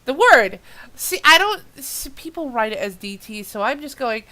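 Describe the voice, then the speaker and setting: Reading a fan-fiction audio drama aloud, a woman with a high-pitched, sing-song, pushed and bright voice keeps stumbling at a moderate pace. In this blooper reel she swears and laughs at her own slip-ups, self-mocking and exasperated.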